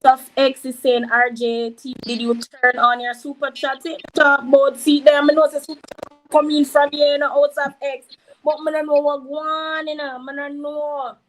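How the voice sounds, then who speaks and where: A woman's voice: high voice, level tone, normal speed, poor audio. Jamaican woman reading out chat. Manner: reads out viewer comments, shouts out names. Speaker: livestream host reading chat. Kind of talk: casual livestream chat.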